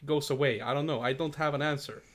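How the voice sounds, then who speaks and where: A man with a slightly high voice chats casually on a podcast. He rambles and hesitates, often breaking into laughter. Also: fairly even intonation, fast. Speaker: podcast co-host. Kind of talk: casual chat.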